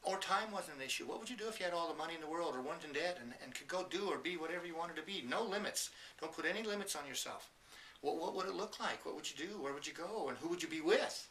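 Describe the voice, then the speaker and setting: Brief: male motivational speaker, emphatic and earnest, very bright voice, mic a bit far, faint hiss. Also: fairly high pitch, expressive, fast talker. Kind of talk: motivational talk to camera.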